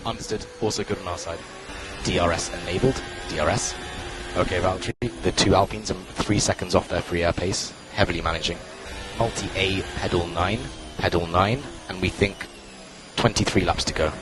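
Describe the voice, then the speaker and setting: A man working as a race engineer on team radio, giving calm, clipped spotter-style instructions and repeating key calls. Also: low-pitched, normal speed. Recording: radio transmission with loud music behind.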